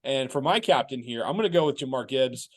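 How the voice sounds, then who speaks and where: Fast-talking man hosting sports chat. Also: medium pitch, lively intonation. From Massachusetts. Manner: quick, loose sports chatter with restarts. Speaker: podcast host. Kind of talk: casual sports talk.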